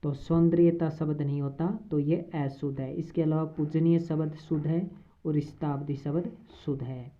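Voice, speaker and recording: A woman teaching a Hindi spelling lesson for exam prep, slowly reading out options and repeating each word. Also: low-pitched, steady tone. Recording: tinny phone-like audio.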